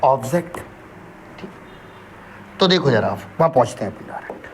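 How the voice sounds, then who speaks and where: Male grammar tutor, mid-pitched, self-answering rhetorical questions, slow word-by-word dictation, faint noise. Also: lively intonation. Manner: asks questions and answers them himself, calls listeners brother; dictates example sentences slowly word by word. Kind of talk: classroom lesson with rhetorical questions.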